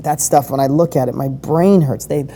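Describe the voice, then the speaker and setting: An enthusiastic woman leads a live online training, chatty and full of questions for her listeners. Her voice sits low and mellow, and it carries a long reverb tail like a big hall. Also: normal speed, slight background noise. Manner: enthusiastic and conversational, asks the audience questions. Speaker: business coach.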